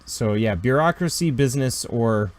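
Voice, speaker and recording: A man's voice: mid-range voice, lively intonation, normal speed, a little mellow. A man with a mid-range voice acts as game master. He improvises narration for a tabletop role-playing game and guides his players.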